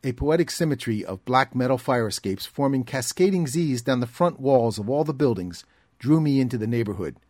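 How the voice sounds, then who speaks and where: A man reading a scripted documentary narration in a measured, even way. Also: mid-range voice, no room sound, clean studio sound. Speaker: narrator and reporter.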